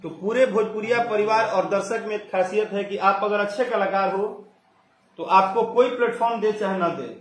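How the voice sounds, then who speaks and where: A man's voice: high-pitched, normal speed, roomy sound. A man with a Bhojpuri accent chatting on a live stream, thanking his fans over and over. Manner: thanks fans warmly and repeatedly. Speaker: singer hosting a live stream. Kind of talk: casual live-stream chat. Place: at a film shoot.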